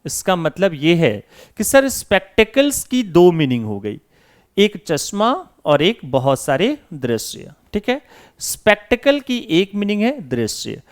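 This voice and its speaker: A man's voice: sits high, wildly swooping pitch, measured pace. A man teaching English grammar in Hindi, asking and answering his own questions as if voicing his students. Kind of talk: classroom lesson.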